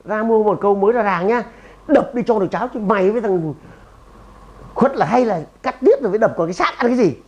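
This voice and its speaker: A man giving a lively seminar talk to an audience, emphatic and punchy, often firing questions at the room. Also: sits high, quick pace, lo-fi sound. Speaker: seminar speaker and trainer.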